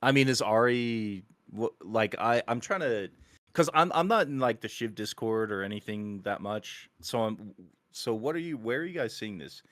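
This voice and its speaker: A man's voice: on the low side, expressive, normal speed, fairly bright tone, no room sound. A man on a podcast asking hesitant questions in casual chat, with many fillers. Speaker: podcast guest.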